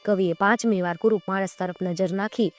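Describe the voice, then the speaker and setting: A woman's voice: medium pitch, steady tone, a little fast. Woman narrating a folk tale. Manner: acts out dialogue in dialect. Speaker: storyteller. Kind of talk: children's story narration. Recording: soft music behind.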